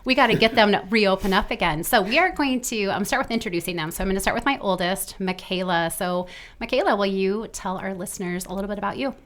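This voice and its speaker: A woman's voice: mid-range voice, fairly bright tone. A middle-aged woman from the American Midwest hosts a family podcast in easy, casual chat. She speaks in a mid-range voice. She gushes and laughs often. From Midwestern United States. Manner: bubbly, gushing, quick laughs. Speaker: podcast host.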